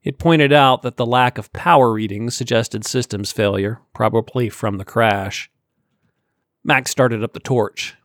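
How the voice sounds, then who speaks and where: A man reading a science fiction story aloud in a steady, even narration. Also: medium pitch, unhurried, no echo, studio quality. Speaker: audiobook narrator. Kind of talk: scripted narration.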